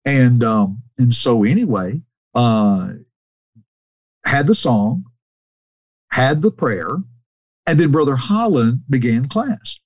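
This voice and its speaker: A man's voice: mid-range voice, sing-song, takes it slowly, pauses often, dry recording. A man telling casual stories, often restarting sentences and raising his voice to mimic the people he quotes. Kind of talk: casual anecdotal storytelling.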